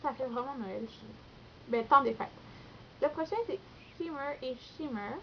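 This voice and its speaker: Young Québécois woman, high voice, chatty haul vlogger, muffled home recording. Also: normal speed, a little hiss or hum. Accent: Québécois French. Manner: chatty, rambling, many fillers and self-corrections. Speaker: beauty vlogger. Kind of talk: casual nail polish haul vlog.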